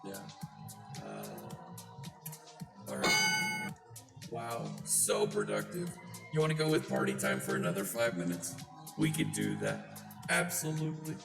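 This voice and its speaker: A live coding streamer talking through a voice changer that shifts the voice deep, chatting casually with a wry, self-deprecating manner. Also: wildly swooping pitch, a little slow, gravelly, pauses often. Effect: deep pitch-shifting voice changer. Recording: roomy sound with music behind. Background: background music.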